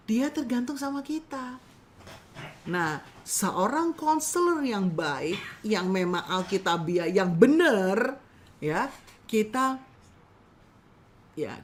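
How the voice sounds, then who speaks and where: Female church teacher, higher voice, chatty sermon delivery with rhetorical questions. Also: slight background noise. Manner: addresses listeners as brothers and sisters, acts out short scenes; casual, conversational preaching with rhetorical questions. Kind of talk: sermon-style teaching to a congregation.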